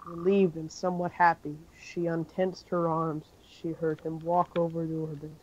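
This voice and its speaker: A man's voice: on the high side, little pitch movement, normal speed, muffled recording. A man reading a fan-fiction story aloud in an amateur style, with occasional slips and self-corrections.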